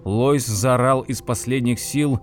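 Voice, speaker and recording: Man narrating an audiobook over faint music. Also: medium pitch. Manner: measured, expressive reading. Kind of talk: scripted narration.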